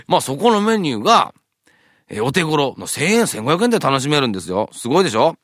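Animated male radio host, dry studio sound. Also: on the high side, a little fast, dry recording. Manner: chatty, jokey. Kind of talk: casual radio presenting with food and local reports.

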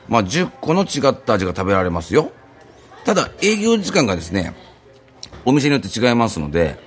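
A man presenting and interviewing as a radio host in a chatty, polite, lightly joking way. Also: deep voice. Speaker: radio show host and reporter.

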